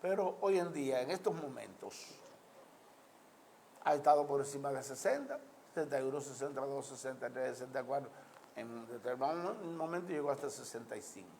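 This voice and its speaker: A man's voice: medium pitch, lively intonation, a little fast, vocal fry, darkish tone, slight background noise. A man with a Dominican Caribbean Spanish accent giving social commentary in an emphatic, oratorical way, building repeated lists and asking rhetorical questions. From Dominican Republic. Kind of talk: political and social commentary addressed to the audience.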